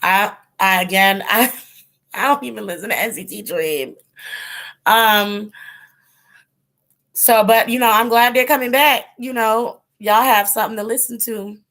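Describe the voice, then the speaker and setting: Speaking a little slowly with long pauses, a woman with a medium-pitched, fairly bright voice hosts a casual tarot livestream. She rambles with many ums and likes as she talks to viewers, her voice failing.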